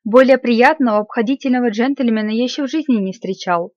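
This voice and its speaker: A woman's voice: on the high side, a little fast, no echo, lightly acted. A woman reading as a tender grieving father. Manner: tender, earnest, choked with feeling. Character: grieving, gentle middle-aged father clerk. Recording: slightly muffled dry recording.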